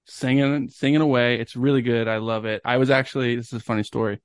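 Young guy gushing about a song on a podcast, dry close sound, mid pitch. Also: steady tone, fast talker, smooth, no room sound. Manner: enthusiastic, storytelling, swears casually. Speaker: podcast co-host. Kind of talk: casual chat.

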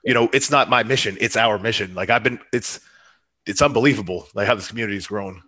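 A man who runs competitions, chatting fast and getting fired up and preachy about his mission. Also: lowish voice, pushed and bright, slightly rough. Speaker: competition promoter. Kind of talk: casual chat.

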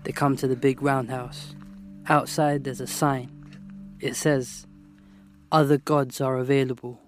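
An actor playing a measured male narrator, setting the scene in scripted audio drama narration. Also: mid-range voice, flat delivery, faint music behind, lightly acted.

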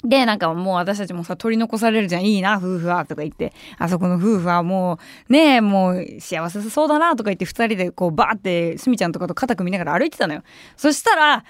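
Fast-talking young woman radio host. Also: mid-range voice, no room sound, clean studio sound. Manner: chatty, animated, acts out quoted voices. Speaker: radio personality. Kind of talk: casual radio storytelling. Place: radio studio.

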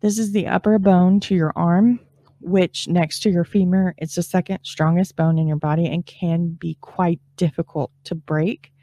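A woman with a lowish, dark and relaxed voice narrates true crime like a suspenseful crime show. Her phrasing is deliberate and grave, with dramatic pauses. The sound is close and very dry. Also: dry recording. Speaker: true crime podcast host. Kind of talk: true crime narration, partly scripted with spoken asides.

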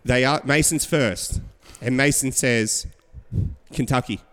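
A man hosting a casual sports podcast, telling stories with animated quoting. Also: mid-range voice, normal speed, smooth, in a large hall. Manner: animated storyteller, acts out quotes. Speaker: podcast host. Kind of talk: casual chat.

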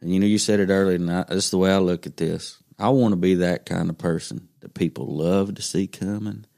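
A man's voice: low voice, fairly even intonation, brisk, gravelly, warm tone. A man talking bluntly and folksily about faith in a casual chat.

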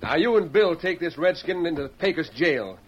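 A man's voice: a little high, very animated, normal speed, slightly rough. A man playing an authoritative Wild West sheriff, folksy and barking orders in old radio drama style. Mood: stern. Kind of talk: old-time radio western acting. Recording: dull old radio recording with hiss.

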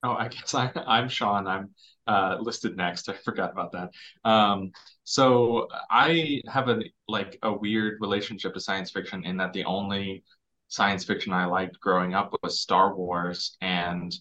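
A man's voice: low voice, fairly even intonation, a little slow, bright, forceful tone. A man who is a book editor, talking as a guest in an interview, casual and self-deprecating. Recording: dull lo-fi audio.

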